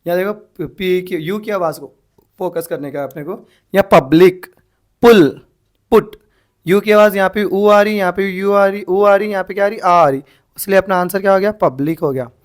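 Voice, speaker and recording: A man's voice: high voice, brisk. A man teaching an exam-prep English lesson, spelling words out letter by letter and asking himself questions as he goes. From India. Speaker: English grammar tutor.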